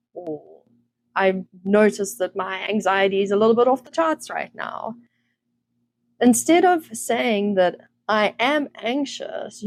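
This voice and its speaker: Calm woman giving a self-help talk. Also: medium pitch. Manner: gentle, conversational, with many fillers and restarts. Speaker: self-development podcast host. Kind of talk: reflective teaching monologue.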